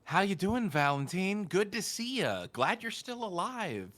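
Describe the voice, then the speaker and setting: A man's voice: high-pitched, big pitch swings, fairly bright tone. A man reading character parts in an amateur read-through, swearing and restarting his lines. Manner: slow, swearing, self-correcting. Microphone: home streaming mic.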